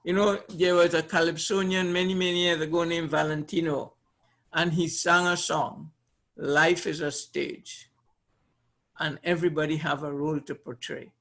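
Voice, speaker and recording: Speaking at normal speed, this man's slightly high, level voice carries some vocal fry and a bit of brightness. He's a Trinidadian trainer giving an informal, conversational seminar to a live audience, repeating phrases and questioning his listeners.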